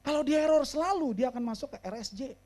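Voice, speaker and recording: This man, both pastor and therapist, delivers a sermon in an expressive manner, slipping English phrases in as he goes. He slows and raises his voice for emphasis, then turns low and quiet when things get serious.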